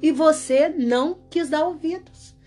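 A woman voicing Jesus as a gentle but frank male judge, quoted in plain speech within her preaching. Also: high-pitched, measured pace, soft background music, pitched above the performer's own voice. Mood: stern.

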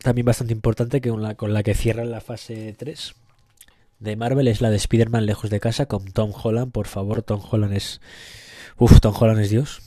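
A man's voice: fairly low pitch, flat delivery, normal speed, warm tone, dry recording, clean studio sound. A young man with a Spain Spanish accent hosting a solo podcast, rambling and joking crudely, with plenty of profanity. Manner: rambling, loses the thread. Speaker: podcast host. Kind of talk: casual solo podcast rant.

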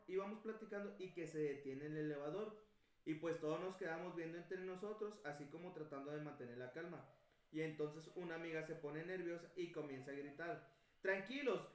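A man's voice: sits high, recorded from a distance. A man with a Mexican accent co-hosting a casual podcast, joking around and reading listener messages aloud. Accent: Mexican Spanish. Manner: joking, slangy, laughs often. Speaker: podcast co-host. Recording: echoey room, a bit off-mic.

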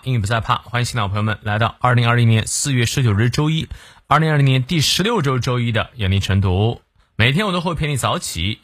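Lively male English teacher, dry close sound. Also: mid-range voice, no echo. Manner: lively, slows down to model English phrases. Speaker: English teacher, podcast host. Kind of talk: daily English lesson podcast.

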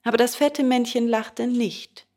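A woman reading a children's storybook aloud, slow and expressive. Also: on the high side. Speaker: narrator.

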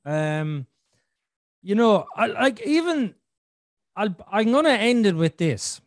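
A man's voice: sits high, big pitch swings, takes it slowly, no echo, studio quality. A man hosting a podcast in casual, candid conversation, with a blunt, sweary, joking manner. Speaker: podcast host.

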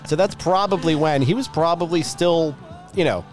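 A man's voice: fairly high pitch, normal speed. A man co-hosting a podcast, chatting casually and teasing with crude jokes. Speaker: podcast co-host. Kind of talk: casual chat. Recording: faint music behind the voice. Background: recorded music.

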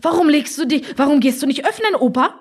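A woman voicing a fierce old grandmother who nags and bosses her husband in a storybook reading. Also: slow. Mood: scolding. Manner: shrill, nagging, bossy.

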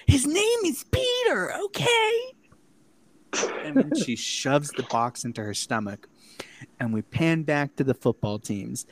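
Profane, animated man recapping a movie. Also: medium pitch, a little hiss or hum, low-quality recording. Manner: animated, profane, laughs often. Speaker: podcast co-host recapping a film. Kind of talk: casual chat, recapping a movie.

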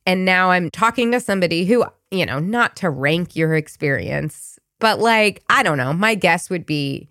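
A woman's voice: lowish voice, expressive, moderate pace, fairly bright tone, no echo, clean studio sound. A woman hosting a podcast interview, asking curious, thoughtful, somewhat rambling questions. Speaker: podcast host. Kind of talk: interview conversation.

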